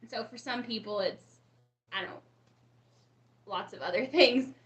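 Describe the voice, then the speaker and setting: Bright-voiced woman chatting on a live stream. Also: on the high side, moderate pace. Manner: chatty, reads and greets viewers from the chat. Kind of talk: casual live-stream chat. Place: room in a home. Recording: roomy echo.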